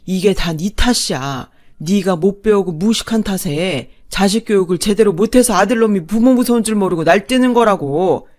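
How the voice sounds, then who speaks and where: A woman voicing an angry, domineering older father-in-law who yells with contempt. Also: mid-range voice, lightly acted. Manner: yelling, contemptuous.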